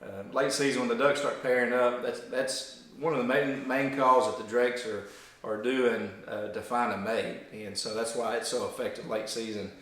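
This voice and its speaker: A man's voice: medium pitch, fairly even intonation, moderate pace, fairly bright tone. A man giving an informal, folksy hands-on explanation as a demonstrator of hunting calls. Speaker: duck call demonstrator. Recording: very echoey room.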